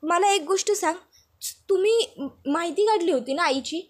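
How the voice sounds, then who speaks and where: A woman's voice: very high voice, normal speed, pitched above the performer's own voice. Woman doing an earnest young daughter-in-law. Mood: determined. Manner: earnest and pleading. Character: tearful young daughter-in-law searching for her mother.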